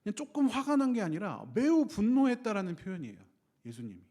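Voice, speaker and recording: A male pastor delivers a sermon in a slightly raised voice. His pitch rises and falls a great deal. He acts out the lines he quotes with lively emphasis. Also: fast talker.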